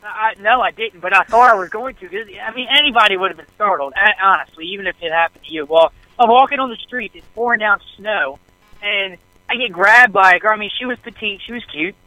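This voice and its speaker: A man excitedly telling a rambling story about a football game, co-hosting a casual sports chat. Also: high voice, a little fast, no echo, rough recording. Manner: animated storyteller, rambling with restarts. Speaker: podcast co-host.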